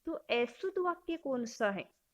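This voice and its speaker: Lady teacher reading out quiz options then explaining the answer, talks slow. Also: high voice, sing-song. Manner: self-correcting. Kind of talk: exam-prep grammar lesson.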